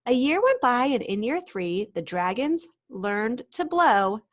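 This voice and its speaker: A woman reads to young children in a fairly high, sing-song voice, bringing expression to the storybook. She often pauses to chat, explaining things and asking her listeners questions.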